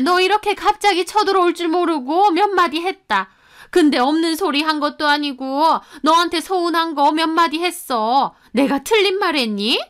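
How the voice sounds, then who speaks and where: A woman voicing a bossy, harsh middle-aged mother-in-law in a radio drama, talking in a sharp, scornful way. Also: high voice, pitched above the performer's own voice. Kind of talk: Korean story radio drama.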